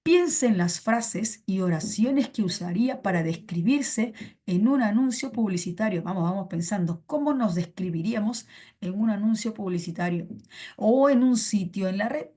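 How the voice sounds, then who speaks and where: A woman with a warm, expressive, medium-pitched voice teaches an online Peruvian Spanish class at a moderate pace. She coaxes her students playfully over a computer mic, saying her phrases more than once.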